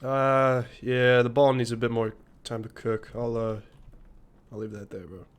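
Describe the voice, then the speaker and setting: A young man streaming a game, joking around in casual commentary with sudden loud outbursts. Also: medium pitch, little pitch movement, unhurried, clean tone.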